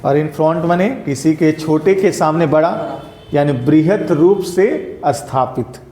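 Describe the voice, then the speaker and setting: A fairly high-voiced male teacher lectures a classroom in a mellow tone. He drills his students, asking again and again whether each point is clear. The recording is roomy and echoey. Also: measured pace, slight background noise. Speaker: English teacher. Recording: echoey classroom room sound.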